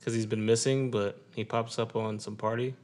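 A man's voice: lowish voice, flat delivery, normal speed, a little mellow. A young man bantering casually with a friend in slangy, laid-back frat-bro talk.

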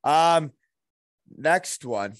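A man's voice: a little high, expressive, drawn-out words, no echo. A man with a Canadian accent hosting a casual interview, bantering in hockey-bro slang and often tagging on "eh". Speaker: interviewer and former hockey player. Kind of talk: casual chat.

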